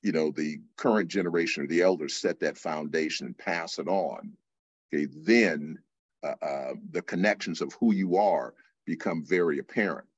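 An older man from California, a teacher answering interview questions in a measured, explanatory way with frequent fillers. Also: very deep voice, no echo, highs cut off. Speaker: guest teacher.

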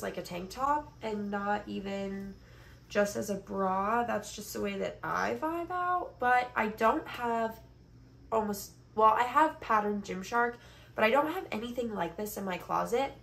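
At a moderate pace, a woman in her twenties with a mid-range, slightly bright voice and some vocal fry chats about a haul, sounding stuffed up from allergies. She records indoors in her bedroom on a phone about arm's length away or farther, picking up noticeable background noise.

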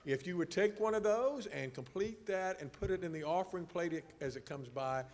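A man leading a church service, welcoming the congregation and praying in an earnest, measured, formal way. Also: sits high, animated. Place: church sanctuary. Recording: long church reverb.

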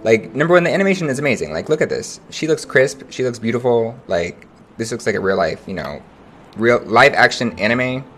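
A young man streaming a game, chatting casually with viewers in an animated, slangy way. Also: medium pitch, brisk, slight background noise. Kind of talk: casual livestream chat.

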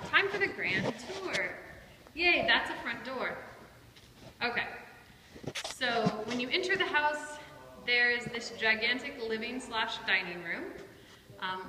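A woman's voice: on the high side, unhurried, noisy background. A woman in her thirties, chatty and playful, giving a casual vlog tour of her empty new house, filmed on a handheld phone camera. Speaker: vlogger. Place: large empty house, indoors. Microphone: phone camera at arm's length. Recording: echoey empty room.

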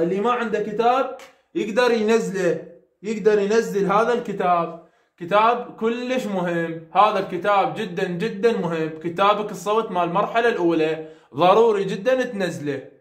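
High-voiced Iraqi man teaching online. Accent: Iraqi Arabic. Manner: repeats key points slowly, drilling students. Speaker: university English tutor. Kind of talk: online lecture. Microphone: computer mic over weak internet.

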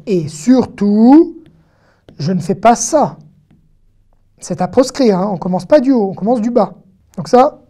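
A woman giving an online lesson, chatty and lively, talking straight to her viewers with frequent "hop" and "hein" asides. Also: on the high side. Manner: addresses the viewer directly. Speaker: Hebrew teacher.

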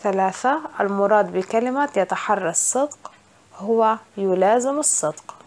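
A woman's voice: medium pitch, moderate pace, a little mellow. A woman teacher reading a school religion lesson aloud, steadily explaining definitions and going through exercise answers.

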